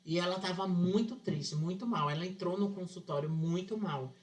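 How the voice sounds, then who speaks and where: A man's voice: high-pitched, moderate pace. A man teaching psychoanalysis to a class, explaining ideas through a case from his practice and often checking that his listeners follow. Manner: explanatory, checks understanding with questions. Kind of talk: teaching with a clinical anecdote.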